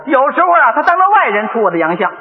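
Man doing crosstalk comedy, very high animated voice, fast, tinny old radio broadcast with long reverb. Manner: lively storytelling, acts out his son's questions.

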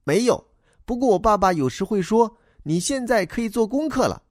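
A man's voice: high-pitched, lively intonation, normal speed, a little mellow, no echo, clean studio sound, voice pushed up. A man voicing a talkative young schoolboy in a storybook reading, eager and rambling. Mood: earnest.

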